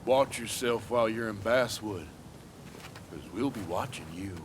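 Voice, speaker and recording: A man's voice: on the low side, a little slow, slight background noise, lightly acted. An actor playing a menacing male thug who taunts and threatens. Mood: threatening.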